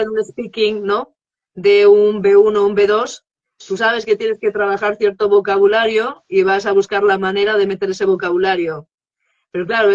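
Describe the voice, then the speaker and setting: A woman's voice: mid-range voice, dull audio. A woman, a guest expert on English teaching, explaining her method in a live interview and checking in often with tag questions.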